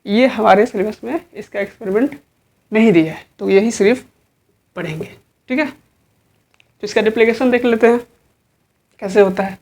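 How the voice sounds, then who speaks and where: A woman teaching an exam-prep biology lecture. She keeps tossing questions at her students and answers them herself. Each key answer gets repeated, in a steady, drilling rhythm. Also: medium pitch, normal speed, long pauses.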